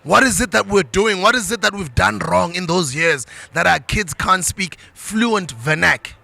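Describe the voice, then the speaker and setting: A South African man in middle age speaks with preachy conviction, drifting between English and isiZulu. His voice sits high for a man and rings bright and forceful. A gravelly rasp runs under his words. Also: a little slow, dry recording. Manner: passionate, preachy, switches into isiZulu. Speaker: motivational speaker. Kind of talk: motivational monologue.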